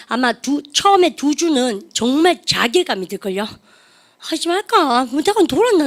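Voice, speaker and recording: A woman English teacher giving a lively classroom vocabulary lecture, drawing students into call-and-response and addressing them over and over. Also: high-pitched. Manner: coaxing, call-and-response, repeats "여러분들" constantly.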